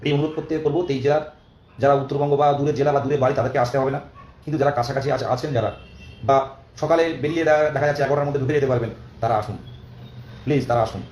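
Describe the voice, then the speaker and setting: A young man with a West Bengali accent and a hoarse, worn-out voice, making an earnest, urging live-stream appeal to followers. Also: mid-range voice, steady tone, very fast, darkish tone. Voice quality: hoarse, strained voice. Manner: urging, repetitive, earnest pleading. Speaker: activist leader among job-seeking teacher candidates. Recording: echoey, faint background noise.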